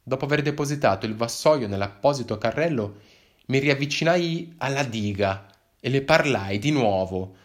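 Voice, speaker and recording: Man, storyteller, first-person narration, wry and measured, mid pitch. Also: animated.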